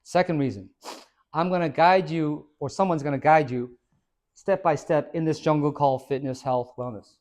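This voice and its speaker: A man who is a fitness trainer, giving an informal, energetic talk to a small audience. He quizzes the listeners and tags many points with "right?". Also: fairly high pitch, normal speed. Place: hair and skin salon, indoors.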